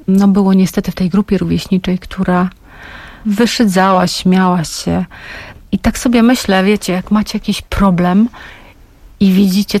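A woman's voice: medium pitch, creaky, darkish tone, dry recording. Woman radio host in a dry studio. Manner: speaks directly to listeners, reads a story aloud. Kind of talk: storytelling and addressing young listeners.

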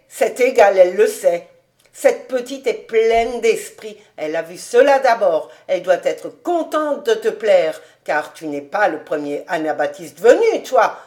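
A woman reading aloud, voicing an excitable old male rabbi with loud, high, emphatic exclamations. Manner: emphatic, slow, coaxing.

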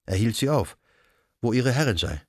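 A man narrating a literary audiobook in a measured, expressive manner. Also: mid-range voice, no room sound, studio quality.

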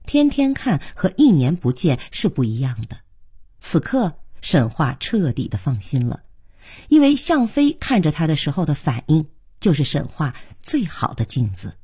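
A woman narrating a novel as an audiobook, in an expressive storytelling manner. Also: low-pitched, breathy edge.

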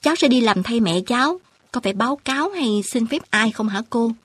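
A woman voicing an earnest, determined young woman student who talks her elders round, with a husky voice. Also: a little high, animated, a little fast, a bit bright, voice pushed up. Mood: eager. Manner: earnest and insistent.

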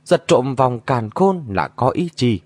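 A man doing a calm young hero, dry close voice. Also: medium pitch, slow, no room sound. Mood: puzzled. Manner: questioning.

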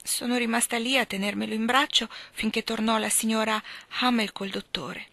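Woman doing a gentle sickly girl, earnest, soft, bright tone. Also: on the high side, fairly even intonation, normal speed, no echo. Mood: sorrowful.

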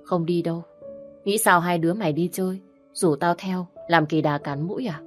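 A weary young woman, as a woman reader puts her on in a storybook reading, speaking low and hesitantly. She sounds reluctant and worn out. Soft music sits in the background. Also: steady tone, normal speed, lightly acted.

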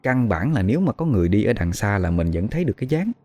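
A man with a Southern Vietnamese accent hosting a ghost story, speaking in a measured, hesitant way with fillers. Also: fairly low pitch, very animated, mellow, no echo. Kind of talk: storytelling narration.

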